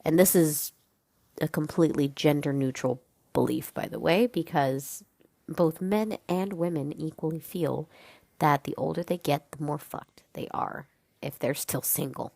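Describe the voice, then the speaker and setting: Sounding congested, a young podcast host talks on her own in a frank, chatty style full of fillers and some swearing. Her voice is low, creaky and dark, at a measured pace, with no room sound in the casual recording.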